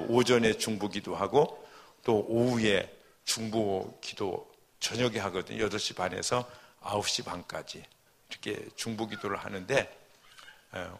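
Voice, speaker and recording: A male pastor preaching a sermon in a church, his voice slightly hoarse, moving from quiet asides to loud, heartfelt pleading. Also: lowish voice. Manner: emotional, swings from soft asides to loud fervent preaching. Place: church sanctuary. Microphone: handheld or stand mic.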